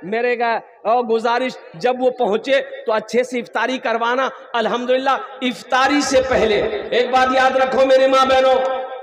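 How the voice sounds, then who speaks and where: Male preacher, very high voice, joking with the crowd, far mic in a big hall. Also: steady tone, normal speed, fairly bright tone. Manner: preachy, teasing the audience. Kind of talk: humorous sermon.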